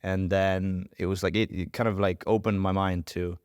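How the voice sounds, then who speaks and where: Low-voiced man, relaxed chat. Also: moderate pace, clear, resonant tone, no room sound, clean studio sound. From Estonia. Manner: relaxed, rambling, playful. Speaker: podcast guest, actor. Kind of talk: casual interview chat.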